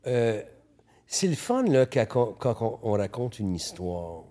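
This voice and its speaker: Quebec French man, late fifties, animated guest storyteller who stammers and swears freely. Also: medium pitch, unhurried. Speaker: photographer guest. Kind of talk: casual interview chat.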